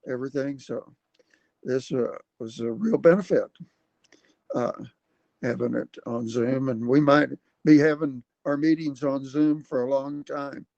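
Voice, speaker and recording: A man in his seventies hosting a casual livestream from his computer at home, rambling and halting with many fillers. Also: medium pitch, creaky, darkish tone, no room sound, highs cut off. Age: 70s. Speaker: livestream host. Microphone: computer webcam mic.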